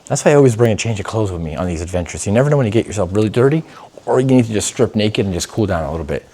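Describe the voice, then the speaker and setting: This man hosts an urban exploration vlog, talking to viewers in a loose, profane, slangy way while making his way through tunnels beneath an abandoned building. He speaks at a racing pace in a fairly low, warm voice with lively intonation, captured on a noisy handheld device.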